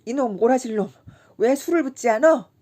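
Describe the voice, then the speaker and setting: A woman's voice: lowish voice, animated, moderate pace. A woman voicing a rowdy drunken rickshaw man. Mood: boisterous. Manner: loud, boisterous drunken shouting. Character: rowdy drunken middle-aged male rickshaw puller. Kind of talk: audiobook character voicing.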